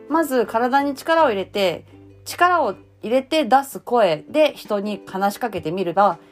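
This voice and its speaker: A cheerful woman chats through friendly advice in a voice she has lifted higher than her natural one, her pitch bouncing all over. She talks loosely and warmly, with plenty of fillers, over soft music in the background. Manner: cheerful, chatty, lots of fillers; deliberately raised, bright speaking tone. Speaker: voice blogger. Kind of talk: casual spoken advice.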